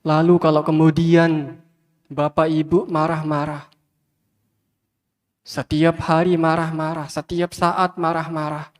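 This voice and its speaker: Man, Buddhist monk, emphatic repetitive sermon, slightly high voice, long hall reverb. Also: flat delivery, a little slow, pauses often. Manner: repetitive emphatic preaching, addresses listeners directly. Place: large hall with many fans.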